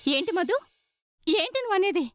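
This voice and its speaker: An outraged sister-in-law with a very high voice, scolding and indignant. Background music plays behind her. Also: expressive, normal speed. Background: background score.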